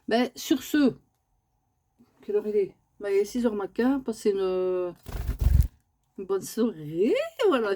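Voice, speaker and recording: In a casual home vlog, a woman with a warm, mid-range voice chats away and often coos at her pet bird in a raised, sing-song tone.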